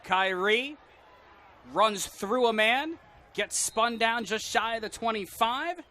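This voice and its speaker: A man's voice: extremely high pitch, slow pace, sharp tone. An American man giving live play-by-play commentary on a football game. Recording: faint outdoor background noise.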